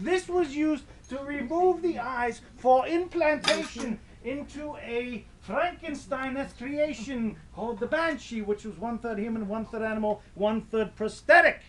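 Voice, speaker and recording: A man's voice: very high-pitched, unhurried, a crowd in the background. A man playing a macabre ghost tour storyteller, narrating comic horror in a theatrical, wordy, mock-grandiose way. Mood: macabre relish. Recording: distant mic, light background noise.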